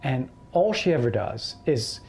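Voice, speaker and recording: A man, a paranormal researcher telling his experiences in a casual, animated way. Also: mid-range voice, measured pace, creaky, faint music behind. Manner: animated storyteller, acts out quoted voices. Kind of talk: casual storytelling interview.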